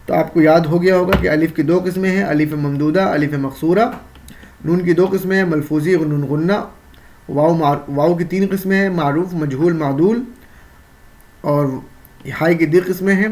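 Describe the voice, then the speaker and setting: A man's voice: fairly high pitch, a little mellow. A man teaching an exam-prep grammar lesson, explaining step by step, repeating key terms and asking and answering his own questions.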